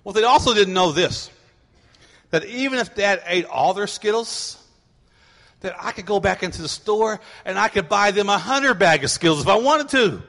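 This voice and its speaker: A middle-aged pastor preaches a sermon in a large hall, telling stories and animatedly acting out his kids' voices. His man's voice is high and moves at normal speed.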